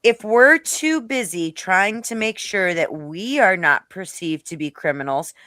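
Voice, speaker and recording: A woman's voice: fairly low pitch, animated, measured pace, pushed and bright, no echo, studio quality. A blunt woman who swears freely, talking casually in a live discussion. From Rhode Island, now Western New York.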